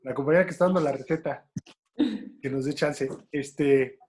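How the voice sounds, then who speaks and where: A man's voice: fairly high pitch, normal speed, darkish tone, a little hiss or hum. A man with a Mexican accent moderates a panel talk in a loose, colloquial way and tells stories along the way. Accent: Mexican Spanish.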